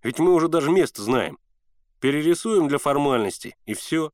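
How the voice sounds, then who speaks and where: A man's voice: a little high, lively intonation, no echo, studio quality, pitched above the performer's own voice, close to an everyday voice. A man doing a pushy, impatient teenage boy. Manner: hurried, insistent, grumbling.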